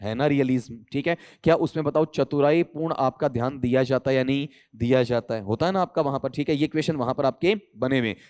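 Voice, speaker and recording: एक पुरुष अंग्रेज़ी शिक्षक, राजस्थानी हिंदी लहजे में, परीक्षा की तैयारी का लेक्चर देता है और बार-बार छात्रों से सवाल पूछता है।. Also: male voice, fast talker, hardly any pauses. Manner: lively, keeps quizzing students with "bataao" and "theek hai"; rises and drops pitch a lot for emphasis. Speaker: English teacher for competitive exams. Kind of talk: exam coaching lecture in Hindi.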